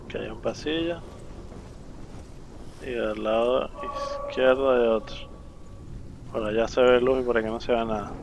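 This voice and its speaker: A man's voice: mid-range voice, fairly even intonation, moderate pace, gravelly, long pauses. A man with a Venezuelan accent giving casual, slangy let's play commentary, thinking aloud as he plays. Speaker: gaming streamer. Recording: loud game sound behind, noisy. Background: game audio and ambience.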